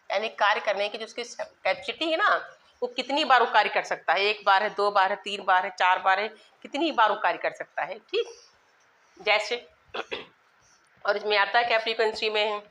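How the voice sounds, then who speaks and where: Woman teacher, unhurried, crisp bright tone, spells words out, repeats phrases. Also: medium pitch, poor audio. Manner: asks students questions and answers them herself. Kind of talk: grammar lesson for exam students.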